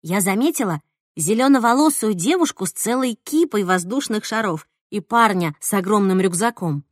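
A woman reading a first-person audiobook in an expressive, playful way. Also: mid-range voice, moderate pace, dry recording, studio quality. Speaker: audiobook narrator.

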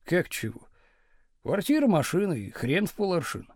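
A man reading an audiobook, voicing a meek, joking young husband who speaks softly and mildly. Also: on the high side, huge pitch swings, moderate pace, dry recording, studio quality, full character voice. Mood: meek, wry. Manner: soft, mild, meek.

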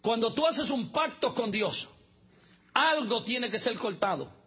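A man's voice: very high voice, expressive, measured pace, breathy edge, lo-fi sound. A man preaching a sermon as pastor, mixing humorous asides with teaching and spelling out words letter by letter.

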